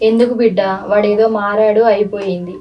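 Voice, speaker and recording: A woman's voice: mid-range voice, steady tone, a little fast, highs cut off, close to an everyday voice. A woman, playing a village mother who scolds her son in a reproachful way. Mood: scolding. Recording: distant with noise.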